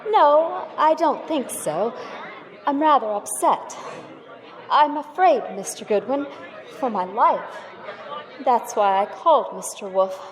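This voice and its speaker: A woman's voice: a little high, animated, slow pace, long pauses, a faint crowd. An actress plays a seductive society hostess, coy and flirtatious, her voice lifting and dipping in wide swings. The long reverb of a courthouse hall carries her lines in a live radio stage show. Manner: coy, flirtatious, breathy laughs. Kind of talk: live old-time radio drama.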